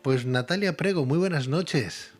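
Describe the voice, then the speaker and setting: A man's voice: a little high, unhurried, faint music behind. Chatty rambling male talk-show host. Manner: chatty, rambling, repeats himself. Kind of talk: live online talk show.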